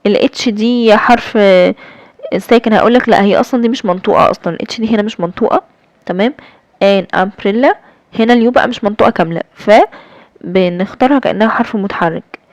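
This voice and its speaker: Woman, Egyptian Arabic accent, teacher, patient step-by-step explaining, mid pitch, dry close sound. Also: quick pace, no echo. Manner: explains step by step, with many fillers and check-ins. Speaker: English teacher. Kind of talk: explaining grammar in a recorded lesson.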